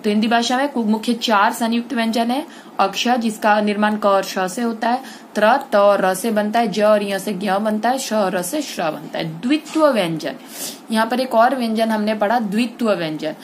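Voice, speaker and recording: A woman's voice: medium pitch, moderate pace, a little hiss or hum. A woman teaching a school grammar lesson online, explaining step by step and asking and answering her own questions.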